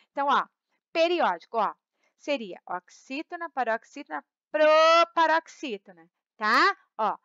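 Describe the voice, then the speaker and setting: High, bright-voiced Brazilian teacher. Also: female voice, no room sound. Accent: Brazilian Portuguese. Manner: patient, repeats words and checks in with "tá?". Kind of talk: recorded remote class lesson. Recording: slightly dull, dry close recording.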